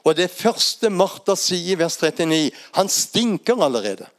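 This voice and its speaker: A man's voice: high-pitched, big pitch swings. An older man with a Norwegian accent preaching a sermon, retelling Bible stories and asking rhetorical questions.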